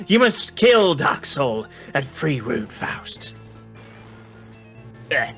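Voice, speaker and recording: A man's voice: medium pitch, big pitch swings, very slow, a bit bright, faint music behind, heavily acted. A man doing a cowardly pleading villain. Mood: dying.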